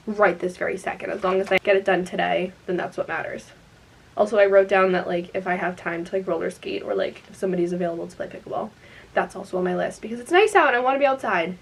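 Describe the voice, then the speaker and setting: Chatty young woman vlogging her day. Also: medium pitch. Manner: chatty, says "like" a lot. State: out of breath. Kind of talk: casual vlog chat.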